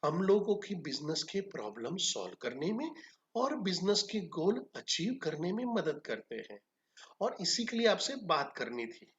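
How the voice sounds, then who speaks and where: A man doing a slow droning sales caller. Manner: flat, sluggish, monotone pitch. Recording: echoey room, dull lo-fi sound.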